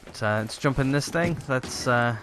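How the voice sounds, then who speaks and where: Chatty bright-voiced gamer. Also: male voice, medium pitch, moderate pace, slight background noise. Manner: chatty, rambling, many fillers. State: hiccups, voice tired. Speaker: gaming YouTuber. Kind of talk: let's play commentary.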